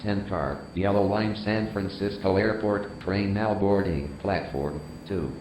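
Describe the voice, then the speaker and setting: A man's recorded station announcement over loudspeakers, spoken in clipped, measured phrases on a train platform. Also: sits low, reverberant, a little hiss or hum, poor audio. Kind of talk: automated public-address announcement.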